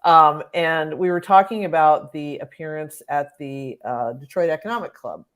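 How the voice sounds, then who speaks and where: A woman's voice: low-pitched, normal speed. A woman from Ohio speaking casually as a regular panelist in a political discussion.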